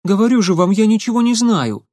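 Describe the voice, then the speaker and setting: A man voicing a frightened, evasive teenage boy who shouts his denials in a high, strained voice. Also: animated, normal speed, no room sound, clean studio sound. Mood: panicked denial.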